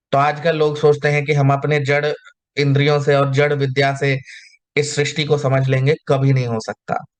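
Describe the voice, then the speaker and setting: A man giving a scripture lecture, chanting verses slowly and then explaining them line by line. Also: on the high side. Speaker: spiritual teacher.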